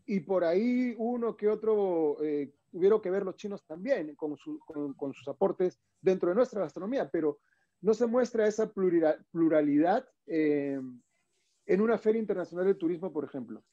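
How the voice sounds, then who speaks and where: A man's voice: high voice, moderate pace, muffled recording. A Peruvian man with a Peruvian Spanish accent, a guest in a casual interview, telling stories animatedly and acting out the dialogue. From Peru. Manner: animated storyteller, acts out quoted dialogue.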